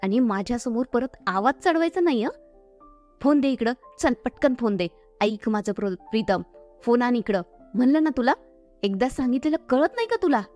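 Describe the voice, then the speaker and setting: A woman voicing a spoiled, bossy young bride-to-be who shouts and taunts, over faint background music. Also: fairly high pitch, expressive, normal speed, close to an everyday voice. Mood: mocking.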